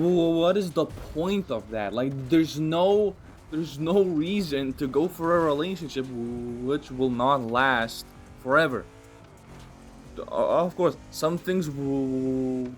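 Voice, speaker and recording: A young man ranting in a vlog, stuttering heavily and repeating sounds as he speaks in an agitated, fed-up way. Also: mid-range voice. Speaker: vlogger. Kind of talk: ranting commentary.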